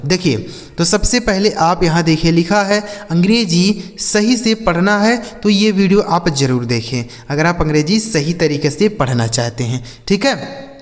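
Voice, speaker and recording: Man, high-pitched, teacher explaining English pronunciation, asks and answers his own questions, long reverb. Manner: repeats rhetorical questions and answers them himself; addresses viewers as friends, patient step-by-step explaining. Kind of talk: Hindi-language pronunciation lesson.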